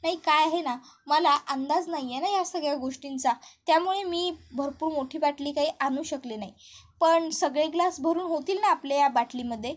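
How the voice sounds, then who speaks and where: A woman plays a composed young daughter-in-law with a high, even voice, slyly innocent and unbending. She holds her ground calmly, the heroine of a retold TV serial. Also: moderate pace, close to an everyday voice.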